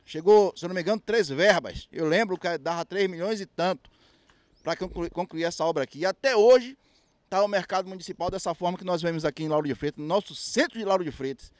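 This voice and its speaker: Outdoors at a street market, a local resident speaks indignantly into a reporter's handheld mic, complaining in a street interview with hesitant restarts. His voice sits high and he talks fast. The recording is dry.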